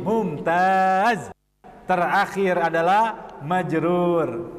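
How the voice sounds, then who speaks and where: Guy teaching a class at a mosque, slow and drawn out, fires off questions and answers them himself, long echo in the hall. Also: high voice. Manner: quizzes the class in quick question-and-answer drills; chuckles between points. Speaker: Islamic teacher. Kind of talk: classroom lecture.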